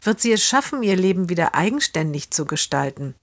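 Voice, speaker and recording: A woman's voice: fairly low pitch, sing-song, a little fast, no room sound, studio quality. A woman voicing a worried, cautious mother of a grown daughter in a read-aloud story. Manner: cautious, quiet.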